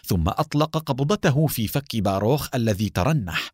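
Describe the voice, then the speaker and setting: Expressive male storybook narrator. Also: mid-range voice, normal speed, no room sound, clean studio sound. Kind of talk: storybook reading.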